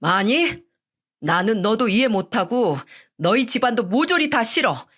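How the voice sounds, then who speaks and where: A woman's voice: fairly high pitch, expressive, unhurried, a bit bright. A resolute young son and lawyer, as a woman narrator voices him, speaking in short, decisive lines. The voice stays close to the storyteller's own, read in a story-reading manner. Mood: cold firmness. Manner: blunt, resolute.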